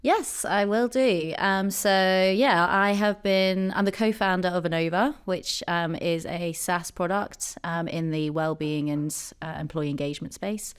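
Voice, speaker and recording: A woman's voice: lowish voice, a little slow, hardly any pauses, smooth. A woman in her thirties from Jersey, a podcast guest talking casually with lots of ums and likes. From Jersey, Channel Islands. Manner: chatty, many ums and likes. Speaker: podcast guest, company co-founder. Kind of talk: casual interview chat.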